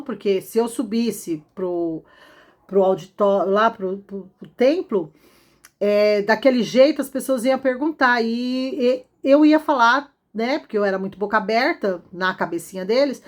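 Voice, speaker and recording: A woman with a Brazilian accent telling a personal testimony in a casual, emotional way, repeating phrases for emphasis. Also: on the high side.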